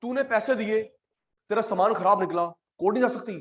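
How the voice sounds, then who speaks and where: Teasing and animated, this online teacher with an Indian accent mixes English terms into Hindi. His voice sits high and he speaks a little fast.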